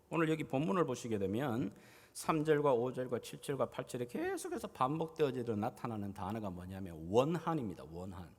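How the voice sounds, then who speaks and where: A man preaching a sermon as pastor, dramatic, swinging his loudness and pitch as he acts out scenes. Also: in a large hall. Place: church sanctuary.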